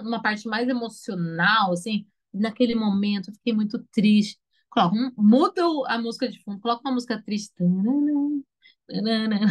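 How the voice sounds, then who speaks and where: A Brazilian woman teaching storytelling in a lively, conversational online lesson, now and then acting out example lines. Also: on the high side. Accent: Brazilian Portuguese.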